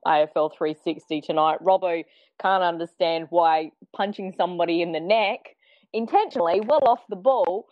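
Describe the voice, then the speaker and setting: A woman's voice: on the low side, no echo, lo-fi sound. A woman with an Australian accent co-hosting a casual podcast, chatty and ready to argue her point. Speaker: podcast co-host, news segment. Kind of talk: casual chat.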